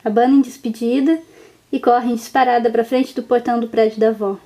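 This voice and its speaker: A woman, gently narrating a reflective personal story in short, lingering phrases. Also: a little high, fairly even intonation, brisk.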